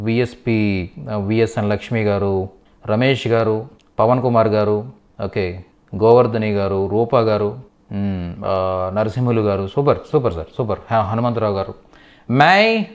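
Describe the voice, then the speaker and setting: A man with a Telugu accent teaching Hindi in a live online class. He repeats each word slowly and reads out his students' names with praise. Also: lowish voice. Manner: slow, repeats words for learners to copy.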